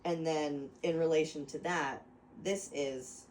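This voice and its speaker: A woman's voice: sits low, steady tone, takes it slowly, darkish tone, reverberant, slight background noise, poor audio. A woman rambling through a mock lecture to her friends, stopping and restarting and laughing often. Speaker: host explaining to friends. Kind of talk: casual chat, mock lecture.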